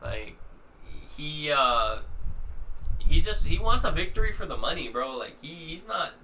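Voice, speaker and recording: Young male podcast host, bright and a bit high-pitched, slangy and relaxed, faint hiss. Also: unhurried, poor audio. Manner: laid-back, slangy, laughs often. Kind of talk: casual podcast chat.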